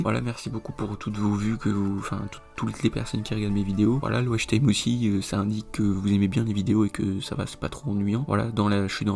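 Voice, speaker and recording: In a screen-recorded tutorial, a trading video host walks through a chart, rambling with many fillers. His lowish voice is a little mellow and slightly hoarse.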